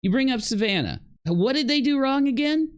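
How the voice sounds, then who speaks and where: A streamer with an extremely high, clean voice and lively intonation reacts unscripted to another person's video at a normal speed. He keeps arguing and making accusations as he goes.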